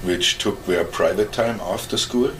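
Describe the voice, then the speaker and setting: A man in his forties with a German accent, German his first language, answering questions in an oral history interview, halting as he searches for English words and chuckling often. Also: sits low, a bit bright, slight background noise, rough recording. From East Germany. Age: 40s.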